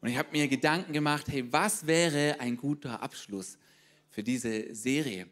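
In a mid-range voice, a man preaches as pastor to his congregation. He's animated and direct, and he keeps checking in with brief questions.

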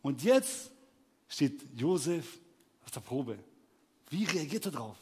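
A young man delivers a sermon as a lively story. His voice sits high and swings widely, and it has a husky edge. He acts out the scenes and sometimes breaks into shouts. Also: slow pace. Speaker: preacher.

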